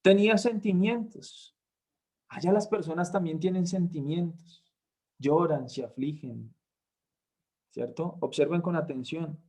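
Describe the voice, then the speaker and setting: A man, tutoring a Bible class, who explains slowly and keeps checking understanding with short questions. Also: on the high side, mellow. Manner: explains slowly, asks "¿cierto?" after points.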